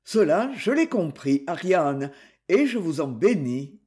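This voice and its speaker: A man voicing an earnest, devout young man in love, slow and solemn. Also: on the high side, big pitch swings, darkish tone. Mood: ardent, tender.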